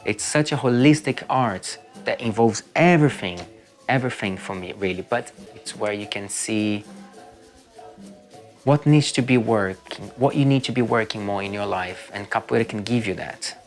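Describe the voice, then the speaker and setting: Low-voiced man speaking earnestly. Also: normal speed, soft background music. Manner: earnest, enthusiastic explaining. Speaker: capoeira practitioner. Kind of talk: documentary interview.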